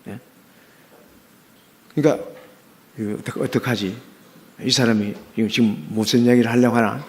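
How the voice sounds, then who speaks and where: A man's voice: mid-range voice, fairly even intonation, normal speed, a little mellow. Earnest middle-aged male pastor preaching. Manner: earnest storytelling with many fillers and restarts. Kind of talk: sermon with personal testimony.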